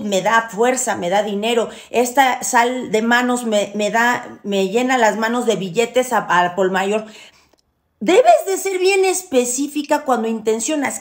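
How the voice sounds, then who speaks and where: A woman with a Mexican accent teaching a ritual in a loud, boisterous, chatty way, full of teasing slang and endearments. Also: on the high side. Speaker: witchcraft teacher. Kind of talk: casual spoken tutorial.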